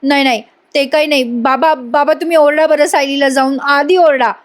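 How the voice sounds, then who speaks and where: A woman's voice: high-pitched, steady tone, normal speed, voice pushed up, natural voice. A woman voicing a scheming young woman who whines and pleads to win sympathy. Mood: pleading.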